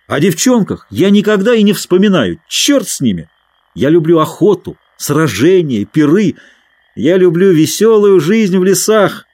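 A man's voice: high-pitched, big pitch swings, a little mellow, dry recording, pitched above the performer's own voice, exaggerated voice. Man doing a brash hot-headed boy squire. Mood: scornful. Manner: boastful, quick to anger.

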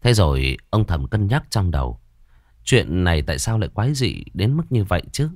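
A man with a very deep voice narrates a ghost story, dramatic and suspenseful, with slow pauses. His pitch rises and falls in lively swings. The sound is close-miked and dry. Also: no room sound.

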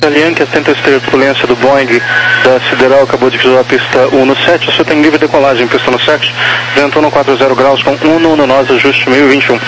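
A man working as an air traffic tower controller, giving clipped procedural clearances over crackly aviation radio. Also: medium pitch, fairly even intonation, fast talker, a bit bright. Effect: crackly two-way aviation radio.

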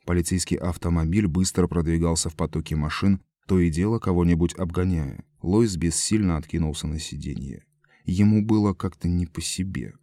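A man reading an audiobook as narrator in a measured, even storytelling manner. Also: low-pitched, no room sound, clean studio sound.

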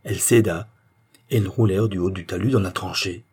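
A man giving a measured, expressive dramatic reading of a short story as narrator. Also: low-pitched, slightly rough.

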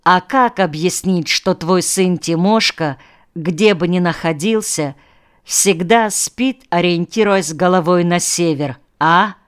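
A woman's voice: fairly low pitch, takes it slowly, smooth. A woman voicing a cheerful, dreamy male drinking companion in a playful, persuasive manner. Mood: curious.

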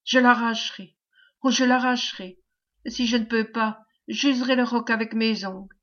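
A woman's voice: on the high side, steady tone, normal speed, a bit bright, close to an everyday voice. A woman reading an audiobook, voicing a desperate young man imprisoned in a cell, with intense pleading outbursts. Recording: dull lo-fi recording.

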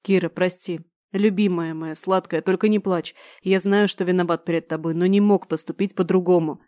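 A young space general, guilt-ridden and devoted, coaxes his wife in a soft, pleading tone, as a woman reads him in an audiobook. His voice sits low and mellow. The recording is close and dry, with no room around it. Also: fairly even intonation, moderate pace, no echo, lightly acted. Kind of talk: audiobook narration.

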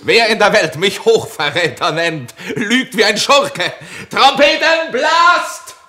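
A man playing a proud, villainous young nobleman in a classic radio play, declaiming in a booming, defiant way. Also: wildly swooping pitch, slow pace, pushed and bright, roomy sound, full character voice. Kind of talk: classic German radio play acting, theatrical verse.

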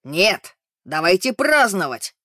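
Guy playing a drunk ex-restaurant owner in an audiobook, loud, shouty, dry sound. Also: on the high side, lively intonation, measured pace, no echo. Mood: drunk elation. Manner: loud, exclamatory. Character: drunk, overexcited male ex-restaurateur. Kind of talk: audiobook character reading.

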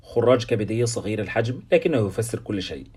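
Audiobook: man playing a cranky, fussy radiologist, husky, quick. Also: mid-range voice, steady tone, darkish tone, close to an everyday voice. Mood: irritated. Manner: irritable, fussy. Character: irritable male German radiologist, fussy.

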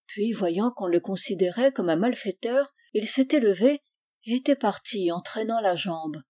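Mellow woman reading a classic tale. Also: medium pitch. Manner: measured, even storytelling. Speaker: reader. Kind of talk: literary audiobook narration.

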